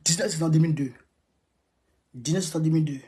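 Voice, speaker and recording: Man, emphatic live-stream host, mellow dark tone, repeats himself to rally people. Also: a little high, fast talker. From Côte d'Ivoire. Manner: emphatic, repeats phrases, exhorting. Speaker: livestream host rallying supporters. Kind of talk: casual live-stream address. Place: at home.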